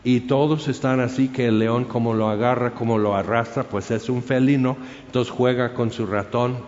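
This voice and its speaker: A man preaching, telling a martyr's story in an animated way, with many fillers and acted-out crowd shouts. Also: mid-range voice, moderate pace. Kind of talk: sermon storytelling. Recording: dull sound in a reverberant hall.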